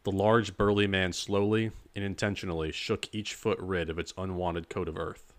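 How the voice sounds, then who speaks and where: A man narrating a dark crime story in a measured, even storytelling manner. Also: sits low. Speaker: audiobook narrator. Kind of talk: scripted narration.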